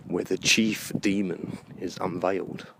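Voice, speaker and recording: Out on a park walk, a vlogger muses about books in halting, rambling spoken thoughts, pausing between phrases. He has a low-pitched voice and fairly even intonation, and background noise is clearly audible in the outdoor recording.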